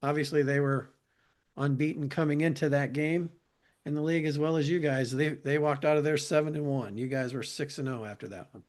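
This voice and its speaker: Slightly high-voiced man reading stats. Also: steady tone, brisk, darkish tone. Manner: methodical, lists stats in short bursts. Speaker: podcast host. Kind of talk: reading game stats and asking questions.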